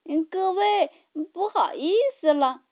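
A woman's voice: very high voice, lively intonation, slow, voice pushed up, heavily acted. A woman voicing a little cat-fish creature, childlike and squealing, in a children's storybook. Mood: scared. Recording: tinny phone-like sound.

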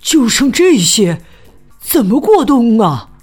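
An excitable young farmyard keeper from a children's storybook, played by a woman calls out with a voice that swoops up and down. The delivery is slow and a little breathy, over faint music. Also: fairly high pitch, heavily acted. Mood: dismayed.

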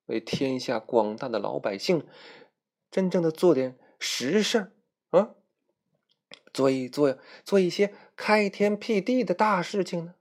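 A man's voice: a little high, animated, a little slow, voice pushed up. A man voicing a clever, playful young girl princess, teasing and then giving a rousing speech in a storybook tale.

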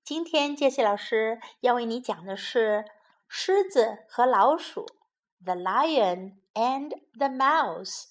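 A woman teacher tells a story to young children, slow and gentle. Her voice sits a little high, and she speaks at an unhurried pace. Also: expressive. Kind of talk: bilingual children's story narration.

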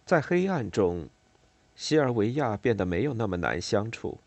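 A man narrating a novel in a measured reading style with expressive, varied intonation. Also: fairly low pitch, dry recording. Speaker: audiobook narrator.

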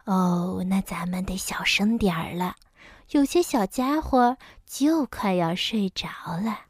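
A woman voicing a gentle mother bear, speaking softly and at times in a hush. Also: slow, husky, dry recording, studio quality. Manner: soft, low, hushed.

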